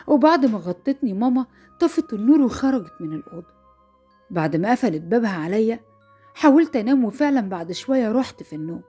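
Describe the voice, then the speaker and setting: A woman's voice: on the high side, dark tone, husky. A young woman with an Egyptian Arabic accent narrating a first-person horror story, breathless and fearful.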